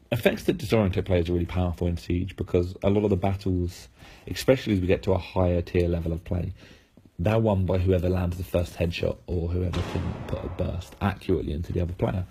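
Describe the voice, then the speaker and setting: A man's voice: low voice, dark tone, a little hiss or hum. A man losing his voice, giving analytical game preview commentary with frequent fillers and restarts.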